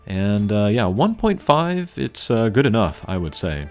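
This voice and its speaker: Very animated yet low-key, a man with a fairly low, darkish voice talks through a video game off the cuff. He rambles somewhat and pauses often to think, as game music plays behind him.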